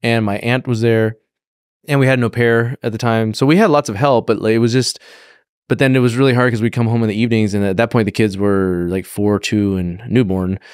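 A man's voice: on the low side, fairly even intonation, brisk, a little mellow, clear, resonant tone, no room sound. A man in his thirties from California, speaking as a guest in a casual studio interview, with a dry, thoughtful manner and frequent restarts. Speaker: guest film director. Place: podcast studio, indoors. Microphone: studio mic on boom arm.

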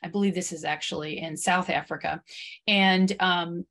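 A woman's voice: on the low side, steady tone, normal speed, a bit bright. A woman author giving a slide presentation, speaking with frequent ums and small restarts.

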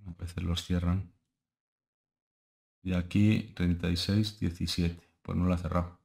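Low-voiced young man rambling through charts. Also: flat delivery, a little slow, vocal fry, a little mellow. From Spain. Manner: rambling, full of filler tags like ¿eh? and ¿vale?. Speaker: stock market analyst and channel host. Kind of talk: casual screen-share market analysis. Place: home room, indoors.

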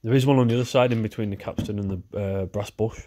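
A repair video host talks fast in a fairly low, stuffy, nasal voice from a cold, chatting in a relaxed way as he works through a repair with his hands. Slight background noise is audible.

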